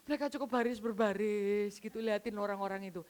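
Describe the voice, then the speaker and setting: A woman preaching to a women's fellowship, telling stories with lively acted-out dialogue. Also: quick pace. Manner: animated storytelling, acting out dialogue with many pitch jumps. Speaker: vicar preaching.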